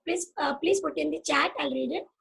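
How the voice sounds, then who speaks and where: A woman's voice: high voice, drawn-out words, vocal fry, background noise. A woman teacher giving an online class, patiently repeating key terms and checking that students follow. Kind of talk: online class lecture mixing Hindi and English.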